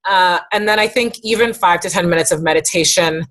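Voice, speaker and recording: Chatty woman, slightly low voice. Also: brisk, fairly bright tone. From United States East Coast. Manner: chatty, says "like" and "right" often. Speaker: podcast guest. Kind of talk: casual interview talk.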